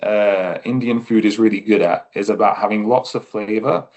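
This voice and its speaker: Low-voiced English man chatting as a guest. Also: moderate pace, a little mellow, muffled recording. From England. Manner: thoughtful, with frequent fillers and restarts. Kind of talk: casual interview chat.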